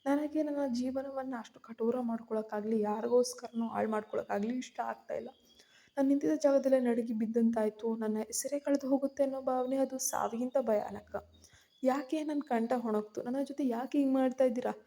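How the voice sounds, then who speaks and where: Female storyteller, tense and fearful first-person narration, soft dark tone. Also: on the high side, brisk.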